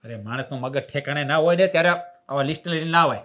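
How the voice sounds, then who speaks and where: An actor playing a frustrated, irritable husband in a Gujarati stage play, quick to shout. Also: male voice, a little high, dull audio, natural voice. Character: frustrated husband who lost his job.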